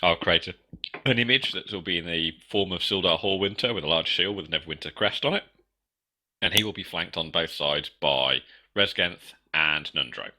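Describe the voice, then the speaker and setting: A man talks casually as a player in a tabletop game, laying out plans. His voice sits very deep, with a strikingly bright, sharp edge. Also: normal speed. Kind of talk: casual game planning talk.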